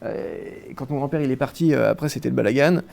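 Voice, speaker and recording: A man's voice: medium pitch, quick pace, creaky, darkish tone. A young man from France, a guest in a casual interview, recounting his childhood with many hesitations and restarts.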